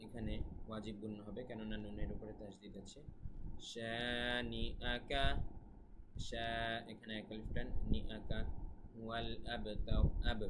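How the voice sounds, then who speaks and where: A man's voice: on the low side, background noise. A man teaching students recitation rules step by step, in a polite, explanatory lesson tone. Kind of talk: recorded lesson.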